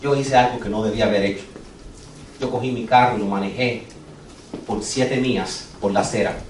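A man's voice: lowish voice, fairly even intonation, moderate pace, reverberant, far from the mic, a little hiss or hum, poor audio. A man preaching a sermon, telling a personal testimony with earnest, urgent storytelling. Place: church sanctuary.

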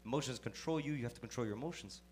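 A man's voice: medium pitch, fast, darkish tone, a little hiss or hum. Male interpreter relaying a sermon. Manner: follows the preacher line by line, with restarts.

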